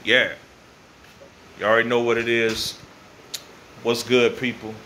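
Recorded on a phone held at arm's length in an open garage on a windy night, an American man in his thirties rambles casually to camera like a vlogger. His bright, forceful voice sits at medium pitch with little movement, and he keeps a measured pace, using slang and repeating phrases for emphasis. The audio is poor, with faint ambient garage noise.

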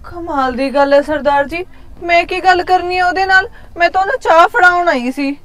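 A woman's voice: very high-pitched, a little fast, darkish tone. An actress playing a young wife who protests and defends herself against her husband's jealous accusations. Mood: indignant. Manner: protesting, indignant.

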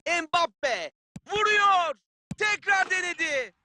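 An actor playing a keen football play-by-play announcer in a video game, calling the match in clipped phrases. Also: male voice, extremely high pitch, animated, extremely slow, pushed and bright, slight background noise, full character voice. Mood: keen, tense.

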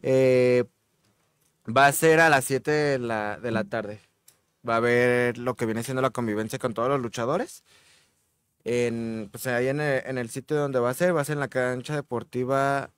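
A man with a Mexican accent chats easygoing and hesitant at a studio table microphone. His voice is smooth and resonant at a middling pitch. The sound is dry and close. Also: steady tone, normal speed, no echo. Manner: easygoing, hesitant with many fillers. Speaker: masked wrestler guest. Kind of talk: casual podcast interview. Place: indoor studio set with a backdrop. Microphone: table microphone on a stand.

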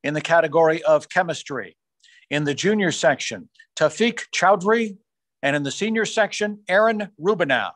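A man formally reading out science fair award winners on a video call, rising in pitch on each school name. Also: fairly bright tone, no room sound. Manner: measured, formal announcing, rising on school names. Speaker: awards announcer. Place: small room on a video call. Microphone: video call microphone.

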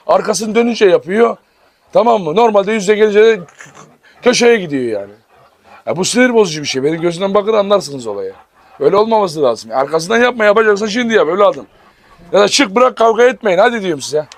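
A man running a dog farm vlog, calling commands to his dogs and talking animatedly to his viewers. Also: sits high. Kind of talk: casual vlog narration.

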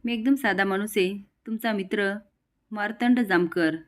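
A woman voicing a sly, flattering male police inspector in a story recap, talking smoothly. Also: medium pitch, moderate pace, close to an everyday voice.

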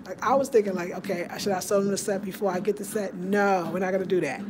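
A woman giving a chatty, excitable home tour to her viewers, filmed on a handheld phone in a small room. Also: medium pitch, fast talker, a crowd in the background. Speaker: home decor vlogger. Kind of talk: casual home tour vlog. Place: small room of a house indoors. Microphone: handheld phone camera.

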